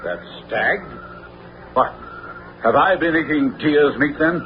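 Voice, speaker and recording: Blustering, higher-voiced villainous sheriff. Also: male voice, expressive, slow pace. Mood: indignant, cornered. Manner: blustering, pompous. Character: greedy, pompous, vengeful villainous sheriff. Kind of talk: theatrical radio adventure acting. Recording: dull, lo-fi radio recording with faint noise.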